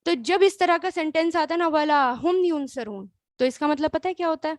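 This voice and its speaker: A woman's voice: extremely high pitch, no echo, studio quality. A woman teaching a Quran word analysis lesson, explaining patiently and checking in with rhetorical questions and tags.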